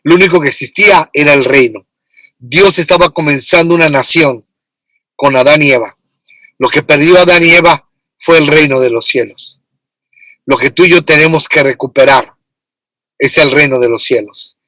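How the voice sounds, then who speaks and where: Bright-voiced Mexican pastor preaching. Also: male voice, on the high side, normal speed, pauses often, no room sound. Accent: Mexican Spanish. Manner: emphatic repetition. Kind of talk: sermon.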